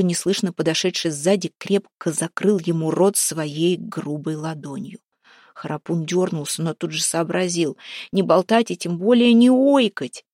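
A woman reading a folk-tale novel aloud as an audiobook narrator, with brisk, suspenseful storytelling. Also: lowish voice, darkish tone, no room sound, clean studio sound. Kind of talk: scripted narration.

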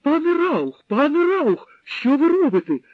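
A man's voice: sing-song, measured pace, dry recording, heavily acted. A man voicing a terrified pleading young woman. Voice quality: high-pitched, pleading. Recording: narrow phone-like sound, dry.

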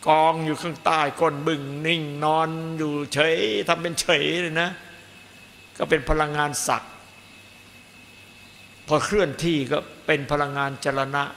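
Male monk giving a dharma talk, raised bright voice, echoey hall with faint hiss. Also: a little high, little pitch movement, a little slow, long pauses. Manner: emphatic, piling up repeated phrases. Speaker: Buddhist monk teacher.

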